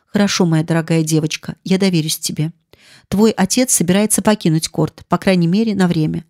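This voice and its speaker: Grave young gentleman, voiced by a woman, measured, lowish, dry close audio. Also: no echo, close to an everyday voice.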